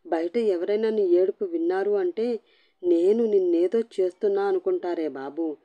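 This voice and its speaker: A woman's voice: lowish voice, normal speed, dull audio, close to an everyday voice. A woman voicing an exasperated young husband who snaps and teases sarcastically. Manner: teasing, yelling.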